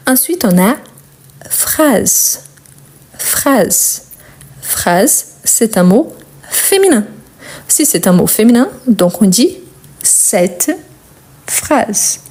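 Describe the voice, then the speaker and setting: A woman with a first language of Portuguese teaches grammar in a very slow, measured way. She says each example word twice or three times so learners can follow. Her voice sits in a mid range. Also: mid-range voice, warm tone. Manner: slow, deliberate, repeats words for learners. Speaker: French teacher. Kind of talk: grammar lesson.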